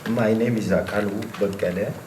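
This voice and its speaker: A man's voice: lowish voice, fairly even intonation, a little fast. A man from Ethiopia, a journalist speaking earnestly about his work, with some fillers. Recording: echoey hall with background noise.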